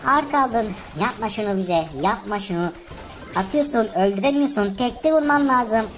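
A woman hosting a gaming channel, giving excited let's-play commentary, cheering on game characters and chatting with viewers. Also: a little high, moderate pace, a little hiss or hum, low-quality recording.

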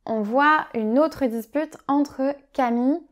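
A French woman with a fairly high voice gives a vocabulary lesson. She explains each phrase patiently and clearly, pausing now and then on "euh". She acts out the examples with a lively tone. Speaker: French teacher.

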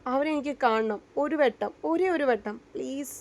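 A woman's voice: high-pitched, normal speed, darkish tone. A woman reading a hurt pleading young wife.

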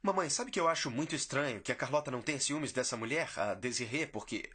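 A man's voice: mid-range voice, animated, fast, sharp tone, husky. An actor playing an adult son in a dubbed telenovela, chatting with his mother in a curious, amused way.

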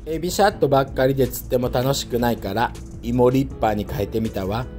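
A man talking casually while fishing outdoors from a lakeside pier, speaking in a soft, feminine manner, picked up by a worn action camera. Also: mid-range voice, fast talker, faint music behind. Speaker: fishing vlogger.

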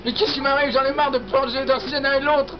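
A man's voice: extremely high pitch, little pitch movement, quick pace. A man voicing a foul-mouthed, goofy young policeman in an amateur parody game dub, full of exclamations. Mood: whiny, aggressive. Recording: dull lo-fi dub under loud music.

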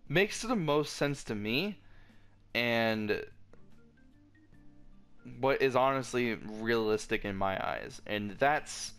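A man at an ordinary pitch rants about a video game, swearing and restarting his sentences. His voice keeps cracking, and faint music plays in the background. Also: fairly bright tone, clean tone. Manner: frustrated, profane ranting with frequent restarts. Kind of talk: solo rant video.

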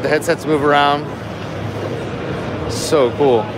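A man hosting a live walkthrough vlog, chatty and easily excited, commenting as he walks a big busy expo floor. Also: a little high, slow pace, background noise. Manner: excitable, chatty, lots of "so" and "cool". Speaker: vlog host.

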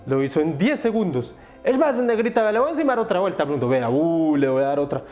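A boastful, lazy storybook dragon voiced by a narrator. He chuckles and drawls his slang, and the voice swoops up and down in a lively way over soft music. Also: medium pitch, fast, lightly acted.

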